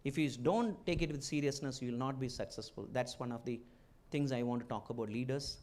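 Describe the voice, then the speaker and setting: A middle-aged entrepreneur and former chief executive from India, with a strong Malayali accent, gives a motivational talk to students as a guest speaker. He speaks in short, emphatic phrases and repeats key words. His medium-pitched voice is brisk and a little mellow.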